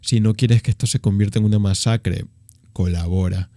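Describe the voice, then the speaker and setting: A man voicing a threatening male bus robber who speaks slowly and low, in a dry, close recording. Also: steady tone, mellow, no echo, natural voice. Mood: menacing. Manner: slow, low, deliberate threats.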